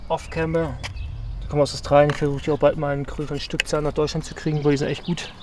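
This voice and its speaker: A man chatting casually to the camera in a relaxed, rambling way, with many filler sounds. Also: on the high side, fast, slight background noise. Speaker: pro gravel cyclist vlogging a race trip. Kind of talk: casual vlog chat to camera.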